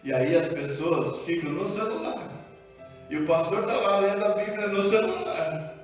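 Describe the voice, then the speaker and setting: A high-voiced male pastor with a Brazilian accent preaches with animation, acting out dialogue as he goes. He is recorded from a distance in a large, reverberant church hall. The sound is dull and muffled, with soft music underneath. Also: normal speed. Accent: Brazilian Portuguese. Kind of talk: sermon. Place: church sanctuary.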